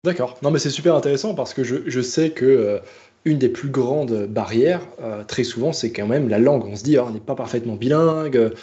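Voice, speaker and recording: A man's voice: medium pitch, fairly quick, warm tone, lo-fi sound. A man hosting a livestream interview, asking friendly, curious follow-up questions. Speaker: host.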